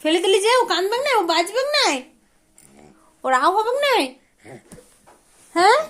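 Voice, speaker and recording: A mother coaxing her toddler in sing-song baby talk, asking playful questions and scolding gently. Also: very high-pitched, lively intonation, unhurried.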